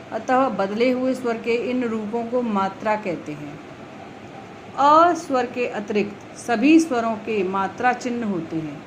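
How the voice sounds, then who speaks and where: A woman teacher talks young pupils through a grammar lesson in a slow, patient way. Her voice sits a little high, and she repeats each letter and example word with care. Faint background noise runs under the recording. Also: poor audio. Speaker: primary school teacher. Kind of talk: explaining Hindi grammar to young children.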